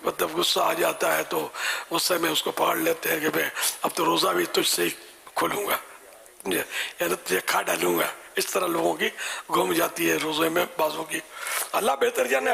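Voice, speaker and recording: Gravelly-voiced older man answering questions. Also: high voice, bright, forceful tone. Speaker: religious scholar answering questions. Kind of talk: religious Q&A answer.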